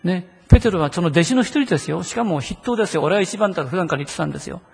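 A man's voice: sits high, animated, rapid-fire, gravelly, breathy edge, big-room sound. A man preaching a sermon in a conversational way, often asking the listeners rhetorical questions. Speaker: pastor.

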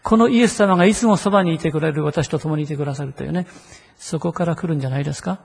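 Man, pastor, conversational sermon, rhetorical questions, raspy and gravelly tone, reverberant hall. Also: on the high side, very fast.

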